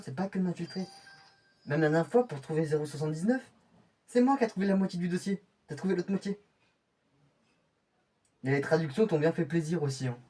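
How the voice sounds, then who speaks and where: A man's voice: fairly high pitch, warm tone, far from the mic. A man playing a young male infiltrator getting ready for a covert mission, often stammering and restarting his sentences in amateur web-drama style.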